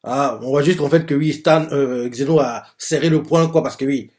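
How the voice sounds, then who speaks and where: A man's voice: mid-range voice, fairly even intonation, moderate pace, a little mellow. A man hosting a live manga reaction stream, talking through each page as he reads it and thinking aloud, full of hesitations and filler words. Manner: hesitant, explains as he goes, filler-heavy with frequent "euh" and "en gros"; reads other people's lines aloud in his own voice, summarizing. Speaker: manga reaction channel host.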